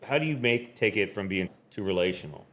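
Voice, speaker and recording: A man's voice: on the low side, animated, brisk, a bit bright. A man hosting a podcast interview, friendly, often repeating his guest's answers back. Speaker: podcast host.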